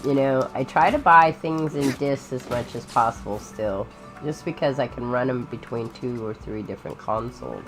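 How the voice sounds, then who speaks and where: A game streamer talks casually about games while playing, his commentary loose and rambling. His voice sits at a medium pitch and moves at a normal speed, with game music playing behind him.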